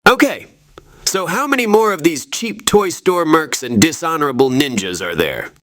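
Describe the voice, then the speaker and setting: Man acting Spider-Man, animated wisecracking hero. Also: on the high side, normal speed, dry recording, clean studio sound. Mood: wry. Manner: wry, quippy, animated. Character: Spider-Man, young wisecracking male superhero, self-deprecating. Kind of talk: video game dialogue.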